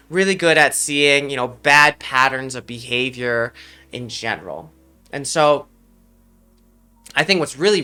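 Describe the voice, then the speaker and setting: A man with a slightly sick voice talks earnestly to his livestream chat, explaining ideas and repeating phrases for emphasis. His tone is bright and forward at a middle pitch, and faint music plays behind him. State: under the weather, slightly sick voice. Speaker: esports mental coach and streamer.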